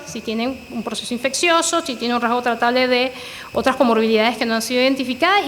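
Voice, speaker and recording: Female physician lecturer, higher voice, explanatory with fillers; echoey reverberant room, faint background noise. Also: a bit bright. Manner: explanatory, frequent "eh" fillers and "¿verdad?" tags. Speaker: pulmonologist lecturer. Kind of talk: medical lecture with slides.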